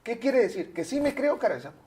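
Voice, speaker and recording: A man's voice: very high-pitched, very animated, fast, a little mellow. A man with a Mexican accent, a teacher and guest, explaining his views in an easy lecturing way with frequent tag questions. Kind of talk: casual interview chat.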